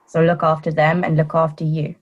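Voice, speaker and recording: A woman's voice: sits low, monotone, brisk, dull audio. A woman being interviewed as a podcast guest, speaking in a thoughtful, sincere way. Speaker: podcast guest, self-defence coach. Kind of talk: interview conversation.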